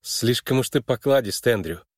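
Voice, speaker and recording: A man reading an audiobook and voicing a young woman with a bright, slightly forced cheerfulness. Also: mid-range voice, animated, moderate pace, breathy edge, no echo, clean studio sound. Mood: teasing. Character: lively, teasing young woman.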